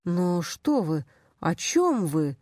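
A woman's voice: medium pitch, animated, normal speed, no echo, studio quality, natural voice. A woman reading as a timid, tearful young client. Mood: plaintive. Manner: soft, wounded, babbling.

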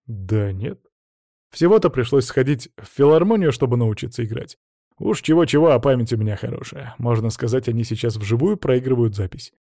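A man's voice: mid-range voice, lively intonation, brisk, dark tone, no echo, clean studio sound. A man voicing a playful, confident young man who jokes and teases his date. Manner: teasing, cheerful.

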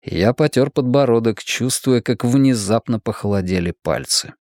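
A man's voice: mid-range voice, normal speed, a little mellow, no room sound, studio quality. A man reading a novel aloud as the first-person narrator, telling the story expressively. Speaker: audiobook narrator.

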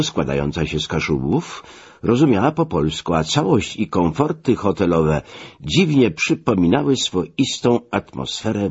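A man narrating a memoir audiobook in a measured, wry storytelling manner. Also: fairly low pitch, darkish tone, slightly rough. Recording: dull lo-fi recording.

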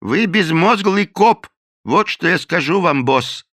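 A man voicing an impassive, sly male cook who answers calmly and deliberately, with mild mockery. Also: high-pitched, no room sound, clean studio sound, voice pushed up, heavily acted. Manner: calm, deliberate, mildly mocking.

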